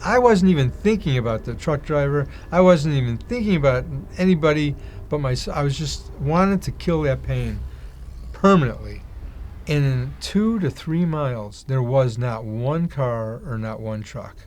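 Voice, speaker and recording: A man's voice: mid-range voice, normal speed, a little hiss or hum. Middle-aged man telling his life story. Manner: animated storyteller, acts out quoted dialogue. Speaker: testimony speaker. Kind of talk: personal testimony storytelling.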